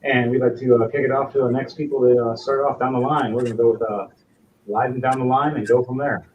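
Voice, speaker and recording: A man's voice: mid-range voice, steady tone, fast talker, a little mellow. A man hosting and running a tabletop role-playing game as game master, talking in a loose, rambling way with fillers. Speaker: game master and head host. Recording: roomy, dull, faint hiss.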